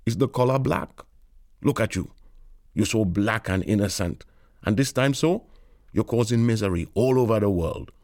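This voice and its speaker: A man's voice: fairly low pitch, normal speed, a little mellow, no room sound, clean studio sound, lightly acted. A man voicing a weary man in London. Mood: bitter.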